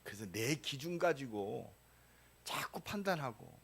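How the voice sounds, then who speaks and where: A pastor in his sixties preaching a sermon, emphatic with sudden loud rises and casual storytelling asides. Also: mid-range voice, very animated, a little slow, vocal fry, husky. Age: 60s.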